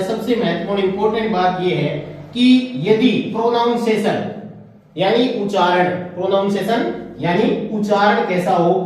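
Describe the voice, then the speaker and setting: A man with a high voice teaches a grammar lesson, asking questions and answering them himself. The sound is very echoey, as if he stands some way from the mic in a bare room. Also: a little mellow, far from the mic. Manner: asks and answers his own questions, repeating key words. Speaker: English teacher. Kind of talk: grammar lesson explained in Hindi.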